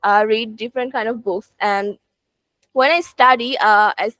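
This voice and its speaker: A woman practises answers for a speaking exam. She sounds hesitant and stumbles through her replies, and her voice sits a little high. The recording is dry and close. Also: fairly even intonation, extremely slow, a bit bright, clean tone, no echo. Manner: hesitant, many fillers and restarts. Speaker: student.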